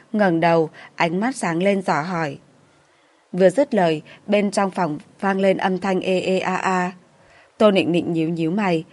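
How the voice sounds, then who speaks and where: Female audiobook narrator, lower register, steady romance storytelling.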